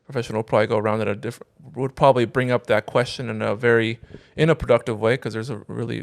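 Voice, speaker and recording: A man's voice: mid-range voice, vocal fry. A man chatting casually in a hesitant, agreeable way, feeling out his phrasing as he goes. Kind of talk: casual chat.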